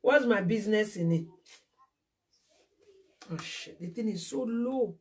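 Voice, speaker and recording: A woman's voice: medium pitch, unhurried, recorded from a distance. A woman with a Nigerian accent ranting angrily on a phone live stream, scolding and repeating herself. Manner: confrontational, scolding, repetitive. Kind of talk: angry live-stream rant.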